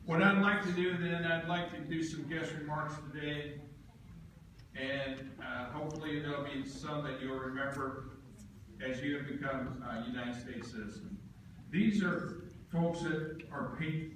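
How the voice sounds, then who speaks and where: A man's voice: fairly high pitch, fairly even intonation. Man speaking from far off in an echoey courtroom. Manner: encouraging, halting with fillers. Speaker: ceremony officiant. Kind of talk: speech at a citizenship ceremony. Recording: echoey room from far off, noisy.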